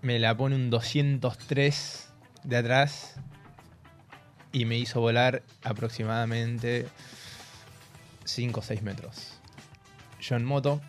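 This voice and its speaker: A young man with a Rioplatense accent co-hosting a casual radio chat, telling a story in an animated way and laughing through it. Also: medium pitch. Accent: Rioplatense Spanish. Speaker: radio co-host. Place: radio studio.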